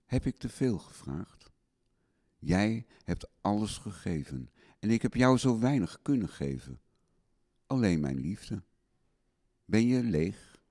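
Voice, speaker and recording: A man's voice: fairly low pitch, very animated, slow, long pauses, mellow. A young man recording a spoken letter on tape for his wife, tender, longing and melancholy.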